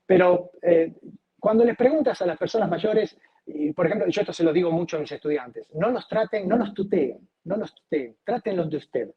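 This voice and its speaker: Argentine guy, doctor vibe, husky-ish higher voice, emphatic storyteller, kinda muffled audio. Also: lively intonation, a little fast. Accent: Argentine Spanish. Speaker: doctor specializing in aging. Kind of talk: conversational interview answers.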